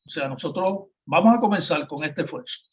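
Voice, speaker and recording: A man's voice: on the high side, expressive, a little fast. A man with a Puerto Rican accent hosting a political discussion, agreeing with the guest and speaking formally for his group. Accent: Puerto Rican Spanish. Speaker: host. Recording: dull lo-fi sound.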